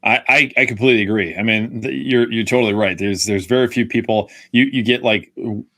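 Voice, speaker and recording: A man's voice: on the low side, steady tone, a little fast, sharp tone, no echo. A young man co-hosting a casual film review podcast, rambling with many fillers and restarts. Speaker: podcast co-host.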